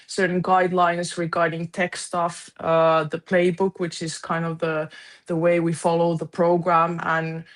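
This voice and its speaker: A woman's voice: fairly low pitch, monotone, measured pace. A woman on a video call introducing her tech role, talking hesitantly and searching for words. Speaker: conference events board member. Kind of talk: casual video-call chat.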